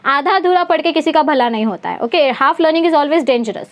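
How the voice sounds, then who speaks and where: High-voiced Indian woman teaching biology. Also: lively intonation, normal speed. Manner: explains step by step, asks students rhetorical questions. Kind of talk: online exam-prep lecture mixing Hindi and English.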